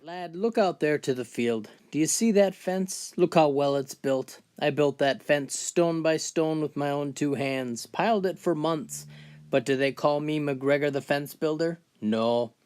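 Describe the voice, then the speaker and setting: A man's voice: fairly high pitch, measured pace, a little mellow, smooth, pitched above the performer's own voice, close to an everyday voice. A man voicing a boastful old bar owner who complains about his reputation in a proud old-timer's lilt. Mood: proud grumbling.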